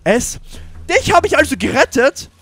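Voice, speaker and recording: A young man with a very high, bouncy voice hosts a casual gaming roleplay. He jokes around and keeps breaking off to talk to his viewers, with faint music behind him. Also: moderate pace, gravelly, no room sound. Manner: excitable, jokey, keeps turning to address viewers. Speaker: let's play host.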